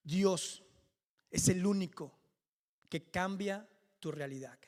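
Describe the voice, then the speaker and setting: A male pastor preaching a sermon with fervour, building to near-shouted climaxes. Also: high-pitched, takes it slowly. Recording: long hall reverb.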